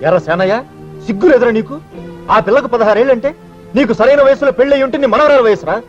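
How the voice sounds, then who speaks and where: A man's voice: extremely high pitch, fast talker. An actor playing a blustery but indulgent older father, exclaiming and scolding in a film comedy-drama. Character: blustery older father, indulgent toward his only son. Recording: dull film soundtrack, music.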